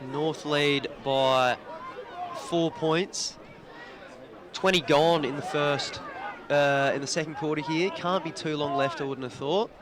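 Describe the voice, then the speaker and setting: A man with an Australian accent doing relaxed, chatty commentary of a local football match from a box above the ground. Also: on the high side, slow pace. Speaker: sports commentator. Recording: crowd noise behind the voice.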